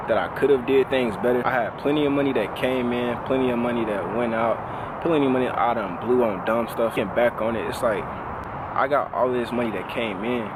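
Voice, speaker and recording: A man of twenty talking casually and reflectively as a vlogger, relaxed and full of fillers. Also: medium pitch, brisk, background noise. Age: 20s. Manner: relaxed, conversational, lots of "like" fillers.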